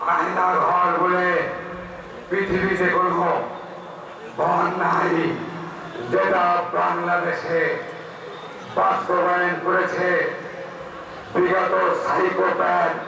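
A man gives an emphatic political rally speech in short, separated phrases. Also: creaky. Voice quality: booming voice. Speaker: parliamentary candidate, political speaker. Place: large public rally, over a PA system. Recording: echoing loudspeakers, distant mic, noisy.

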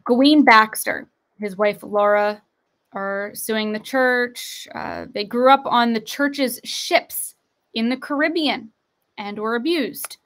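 A young woman talks into her webcam from her desk, reading articles to her live viewers and pressing them with insistent rhetorical questions. Her voice sits a little high. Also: slow, a bit bright. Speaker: online show host. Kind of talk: conspiracy commentary livestream. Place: indoors at a desk, screen-sharing.

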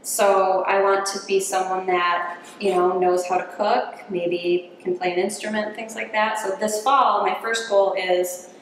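A woman in her thirties, recorded on a distant camera mic in her home kitchen, talks candidly and self-deprecatingly about learning to cook during a casual interview while she cooks. Her mid-range voice stays level in tone at a measured pace. The kitchen sounds roomy, with a faint hum behind her.

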